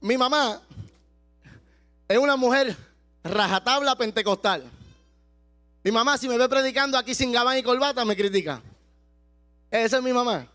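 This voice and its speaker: A pastor preaching a sermon with passion, at times slowing down and shouting for emphasis. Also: male voice, very high-pitched, faint music behind.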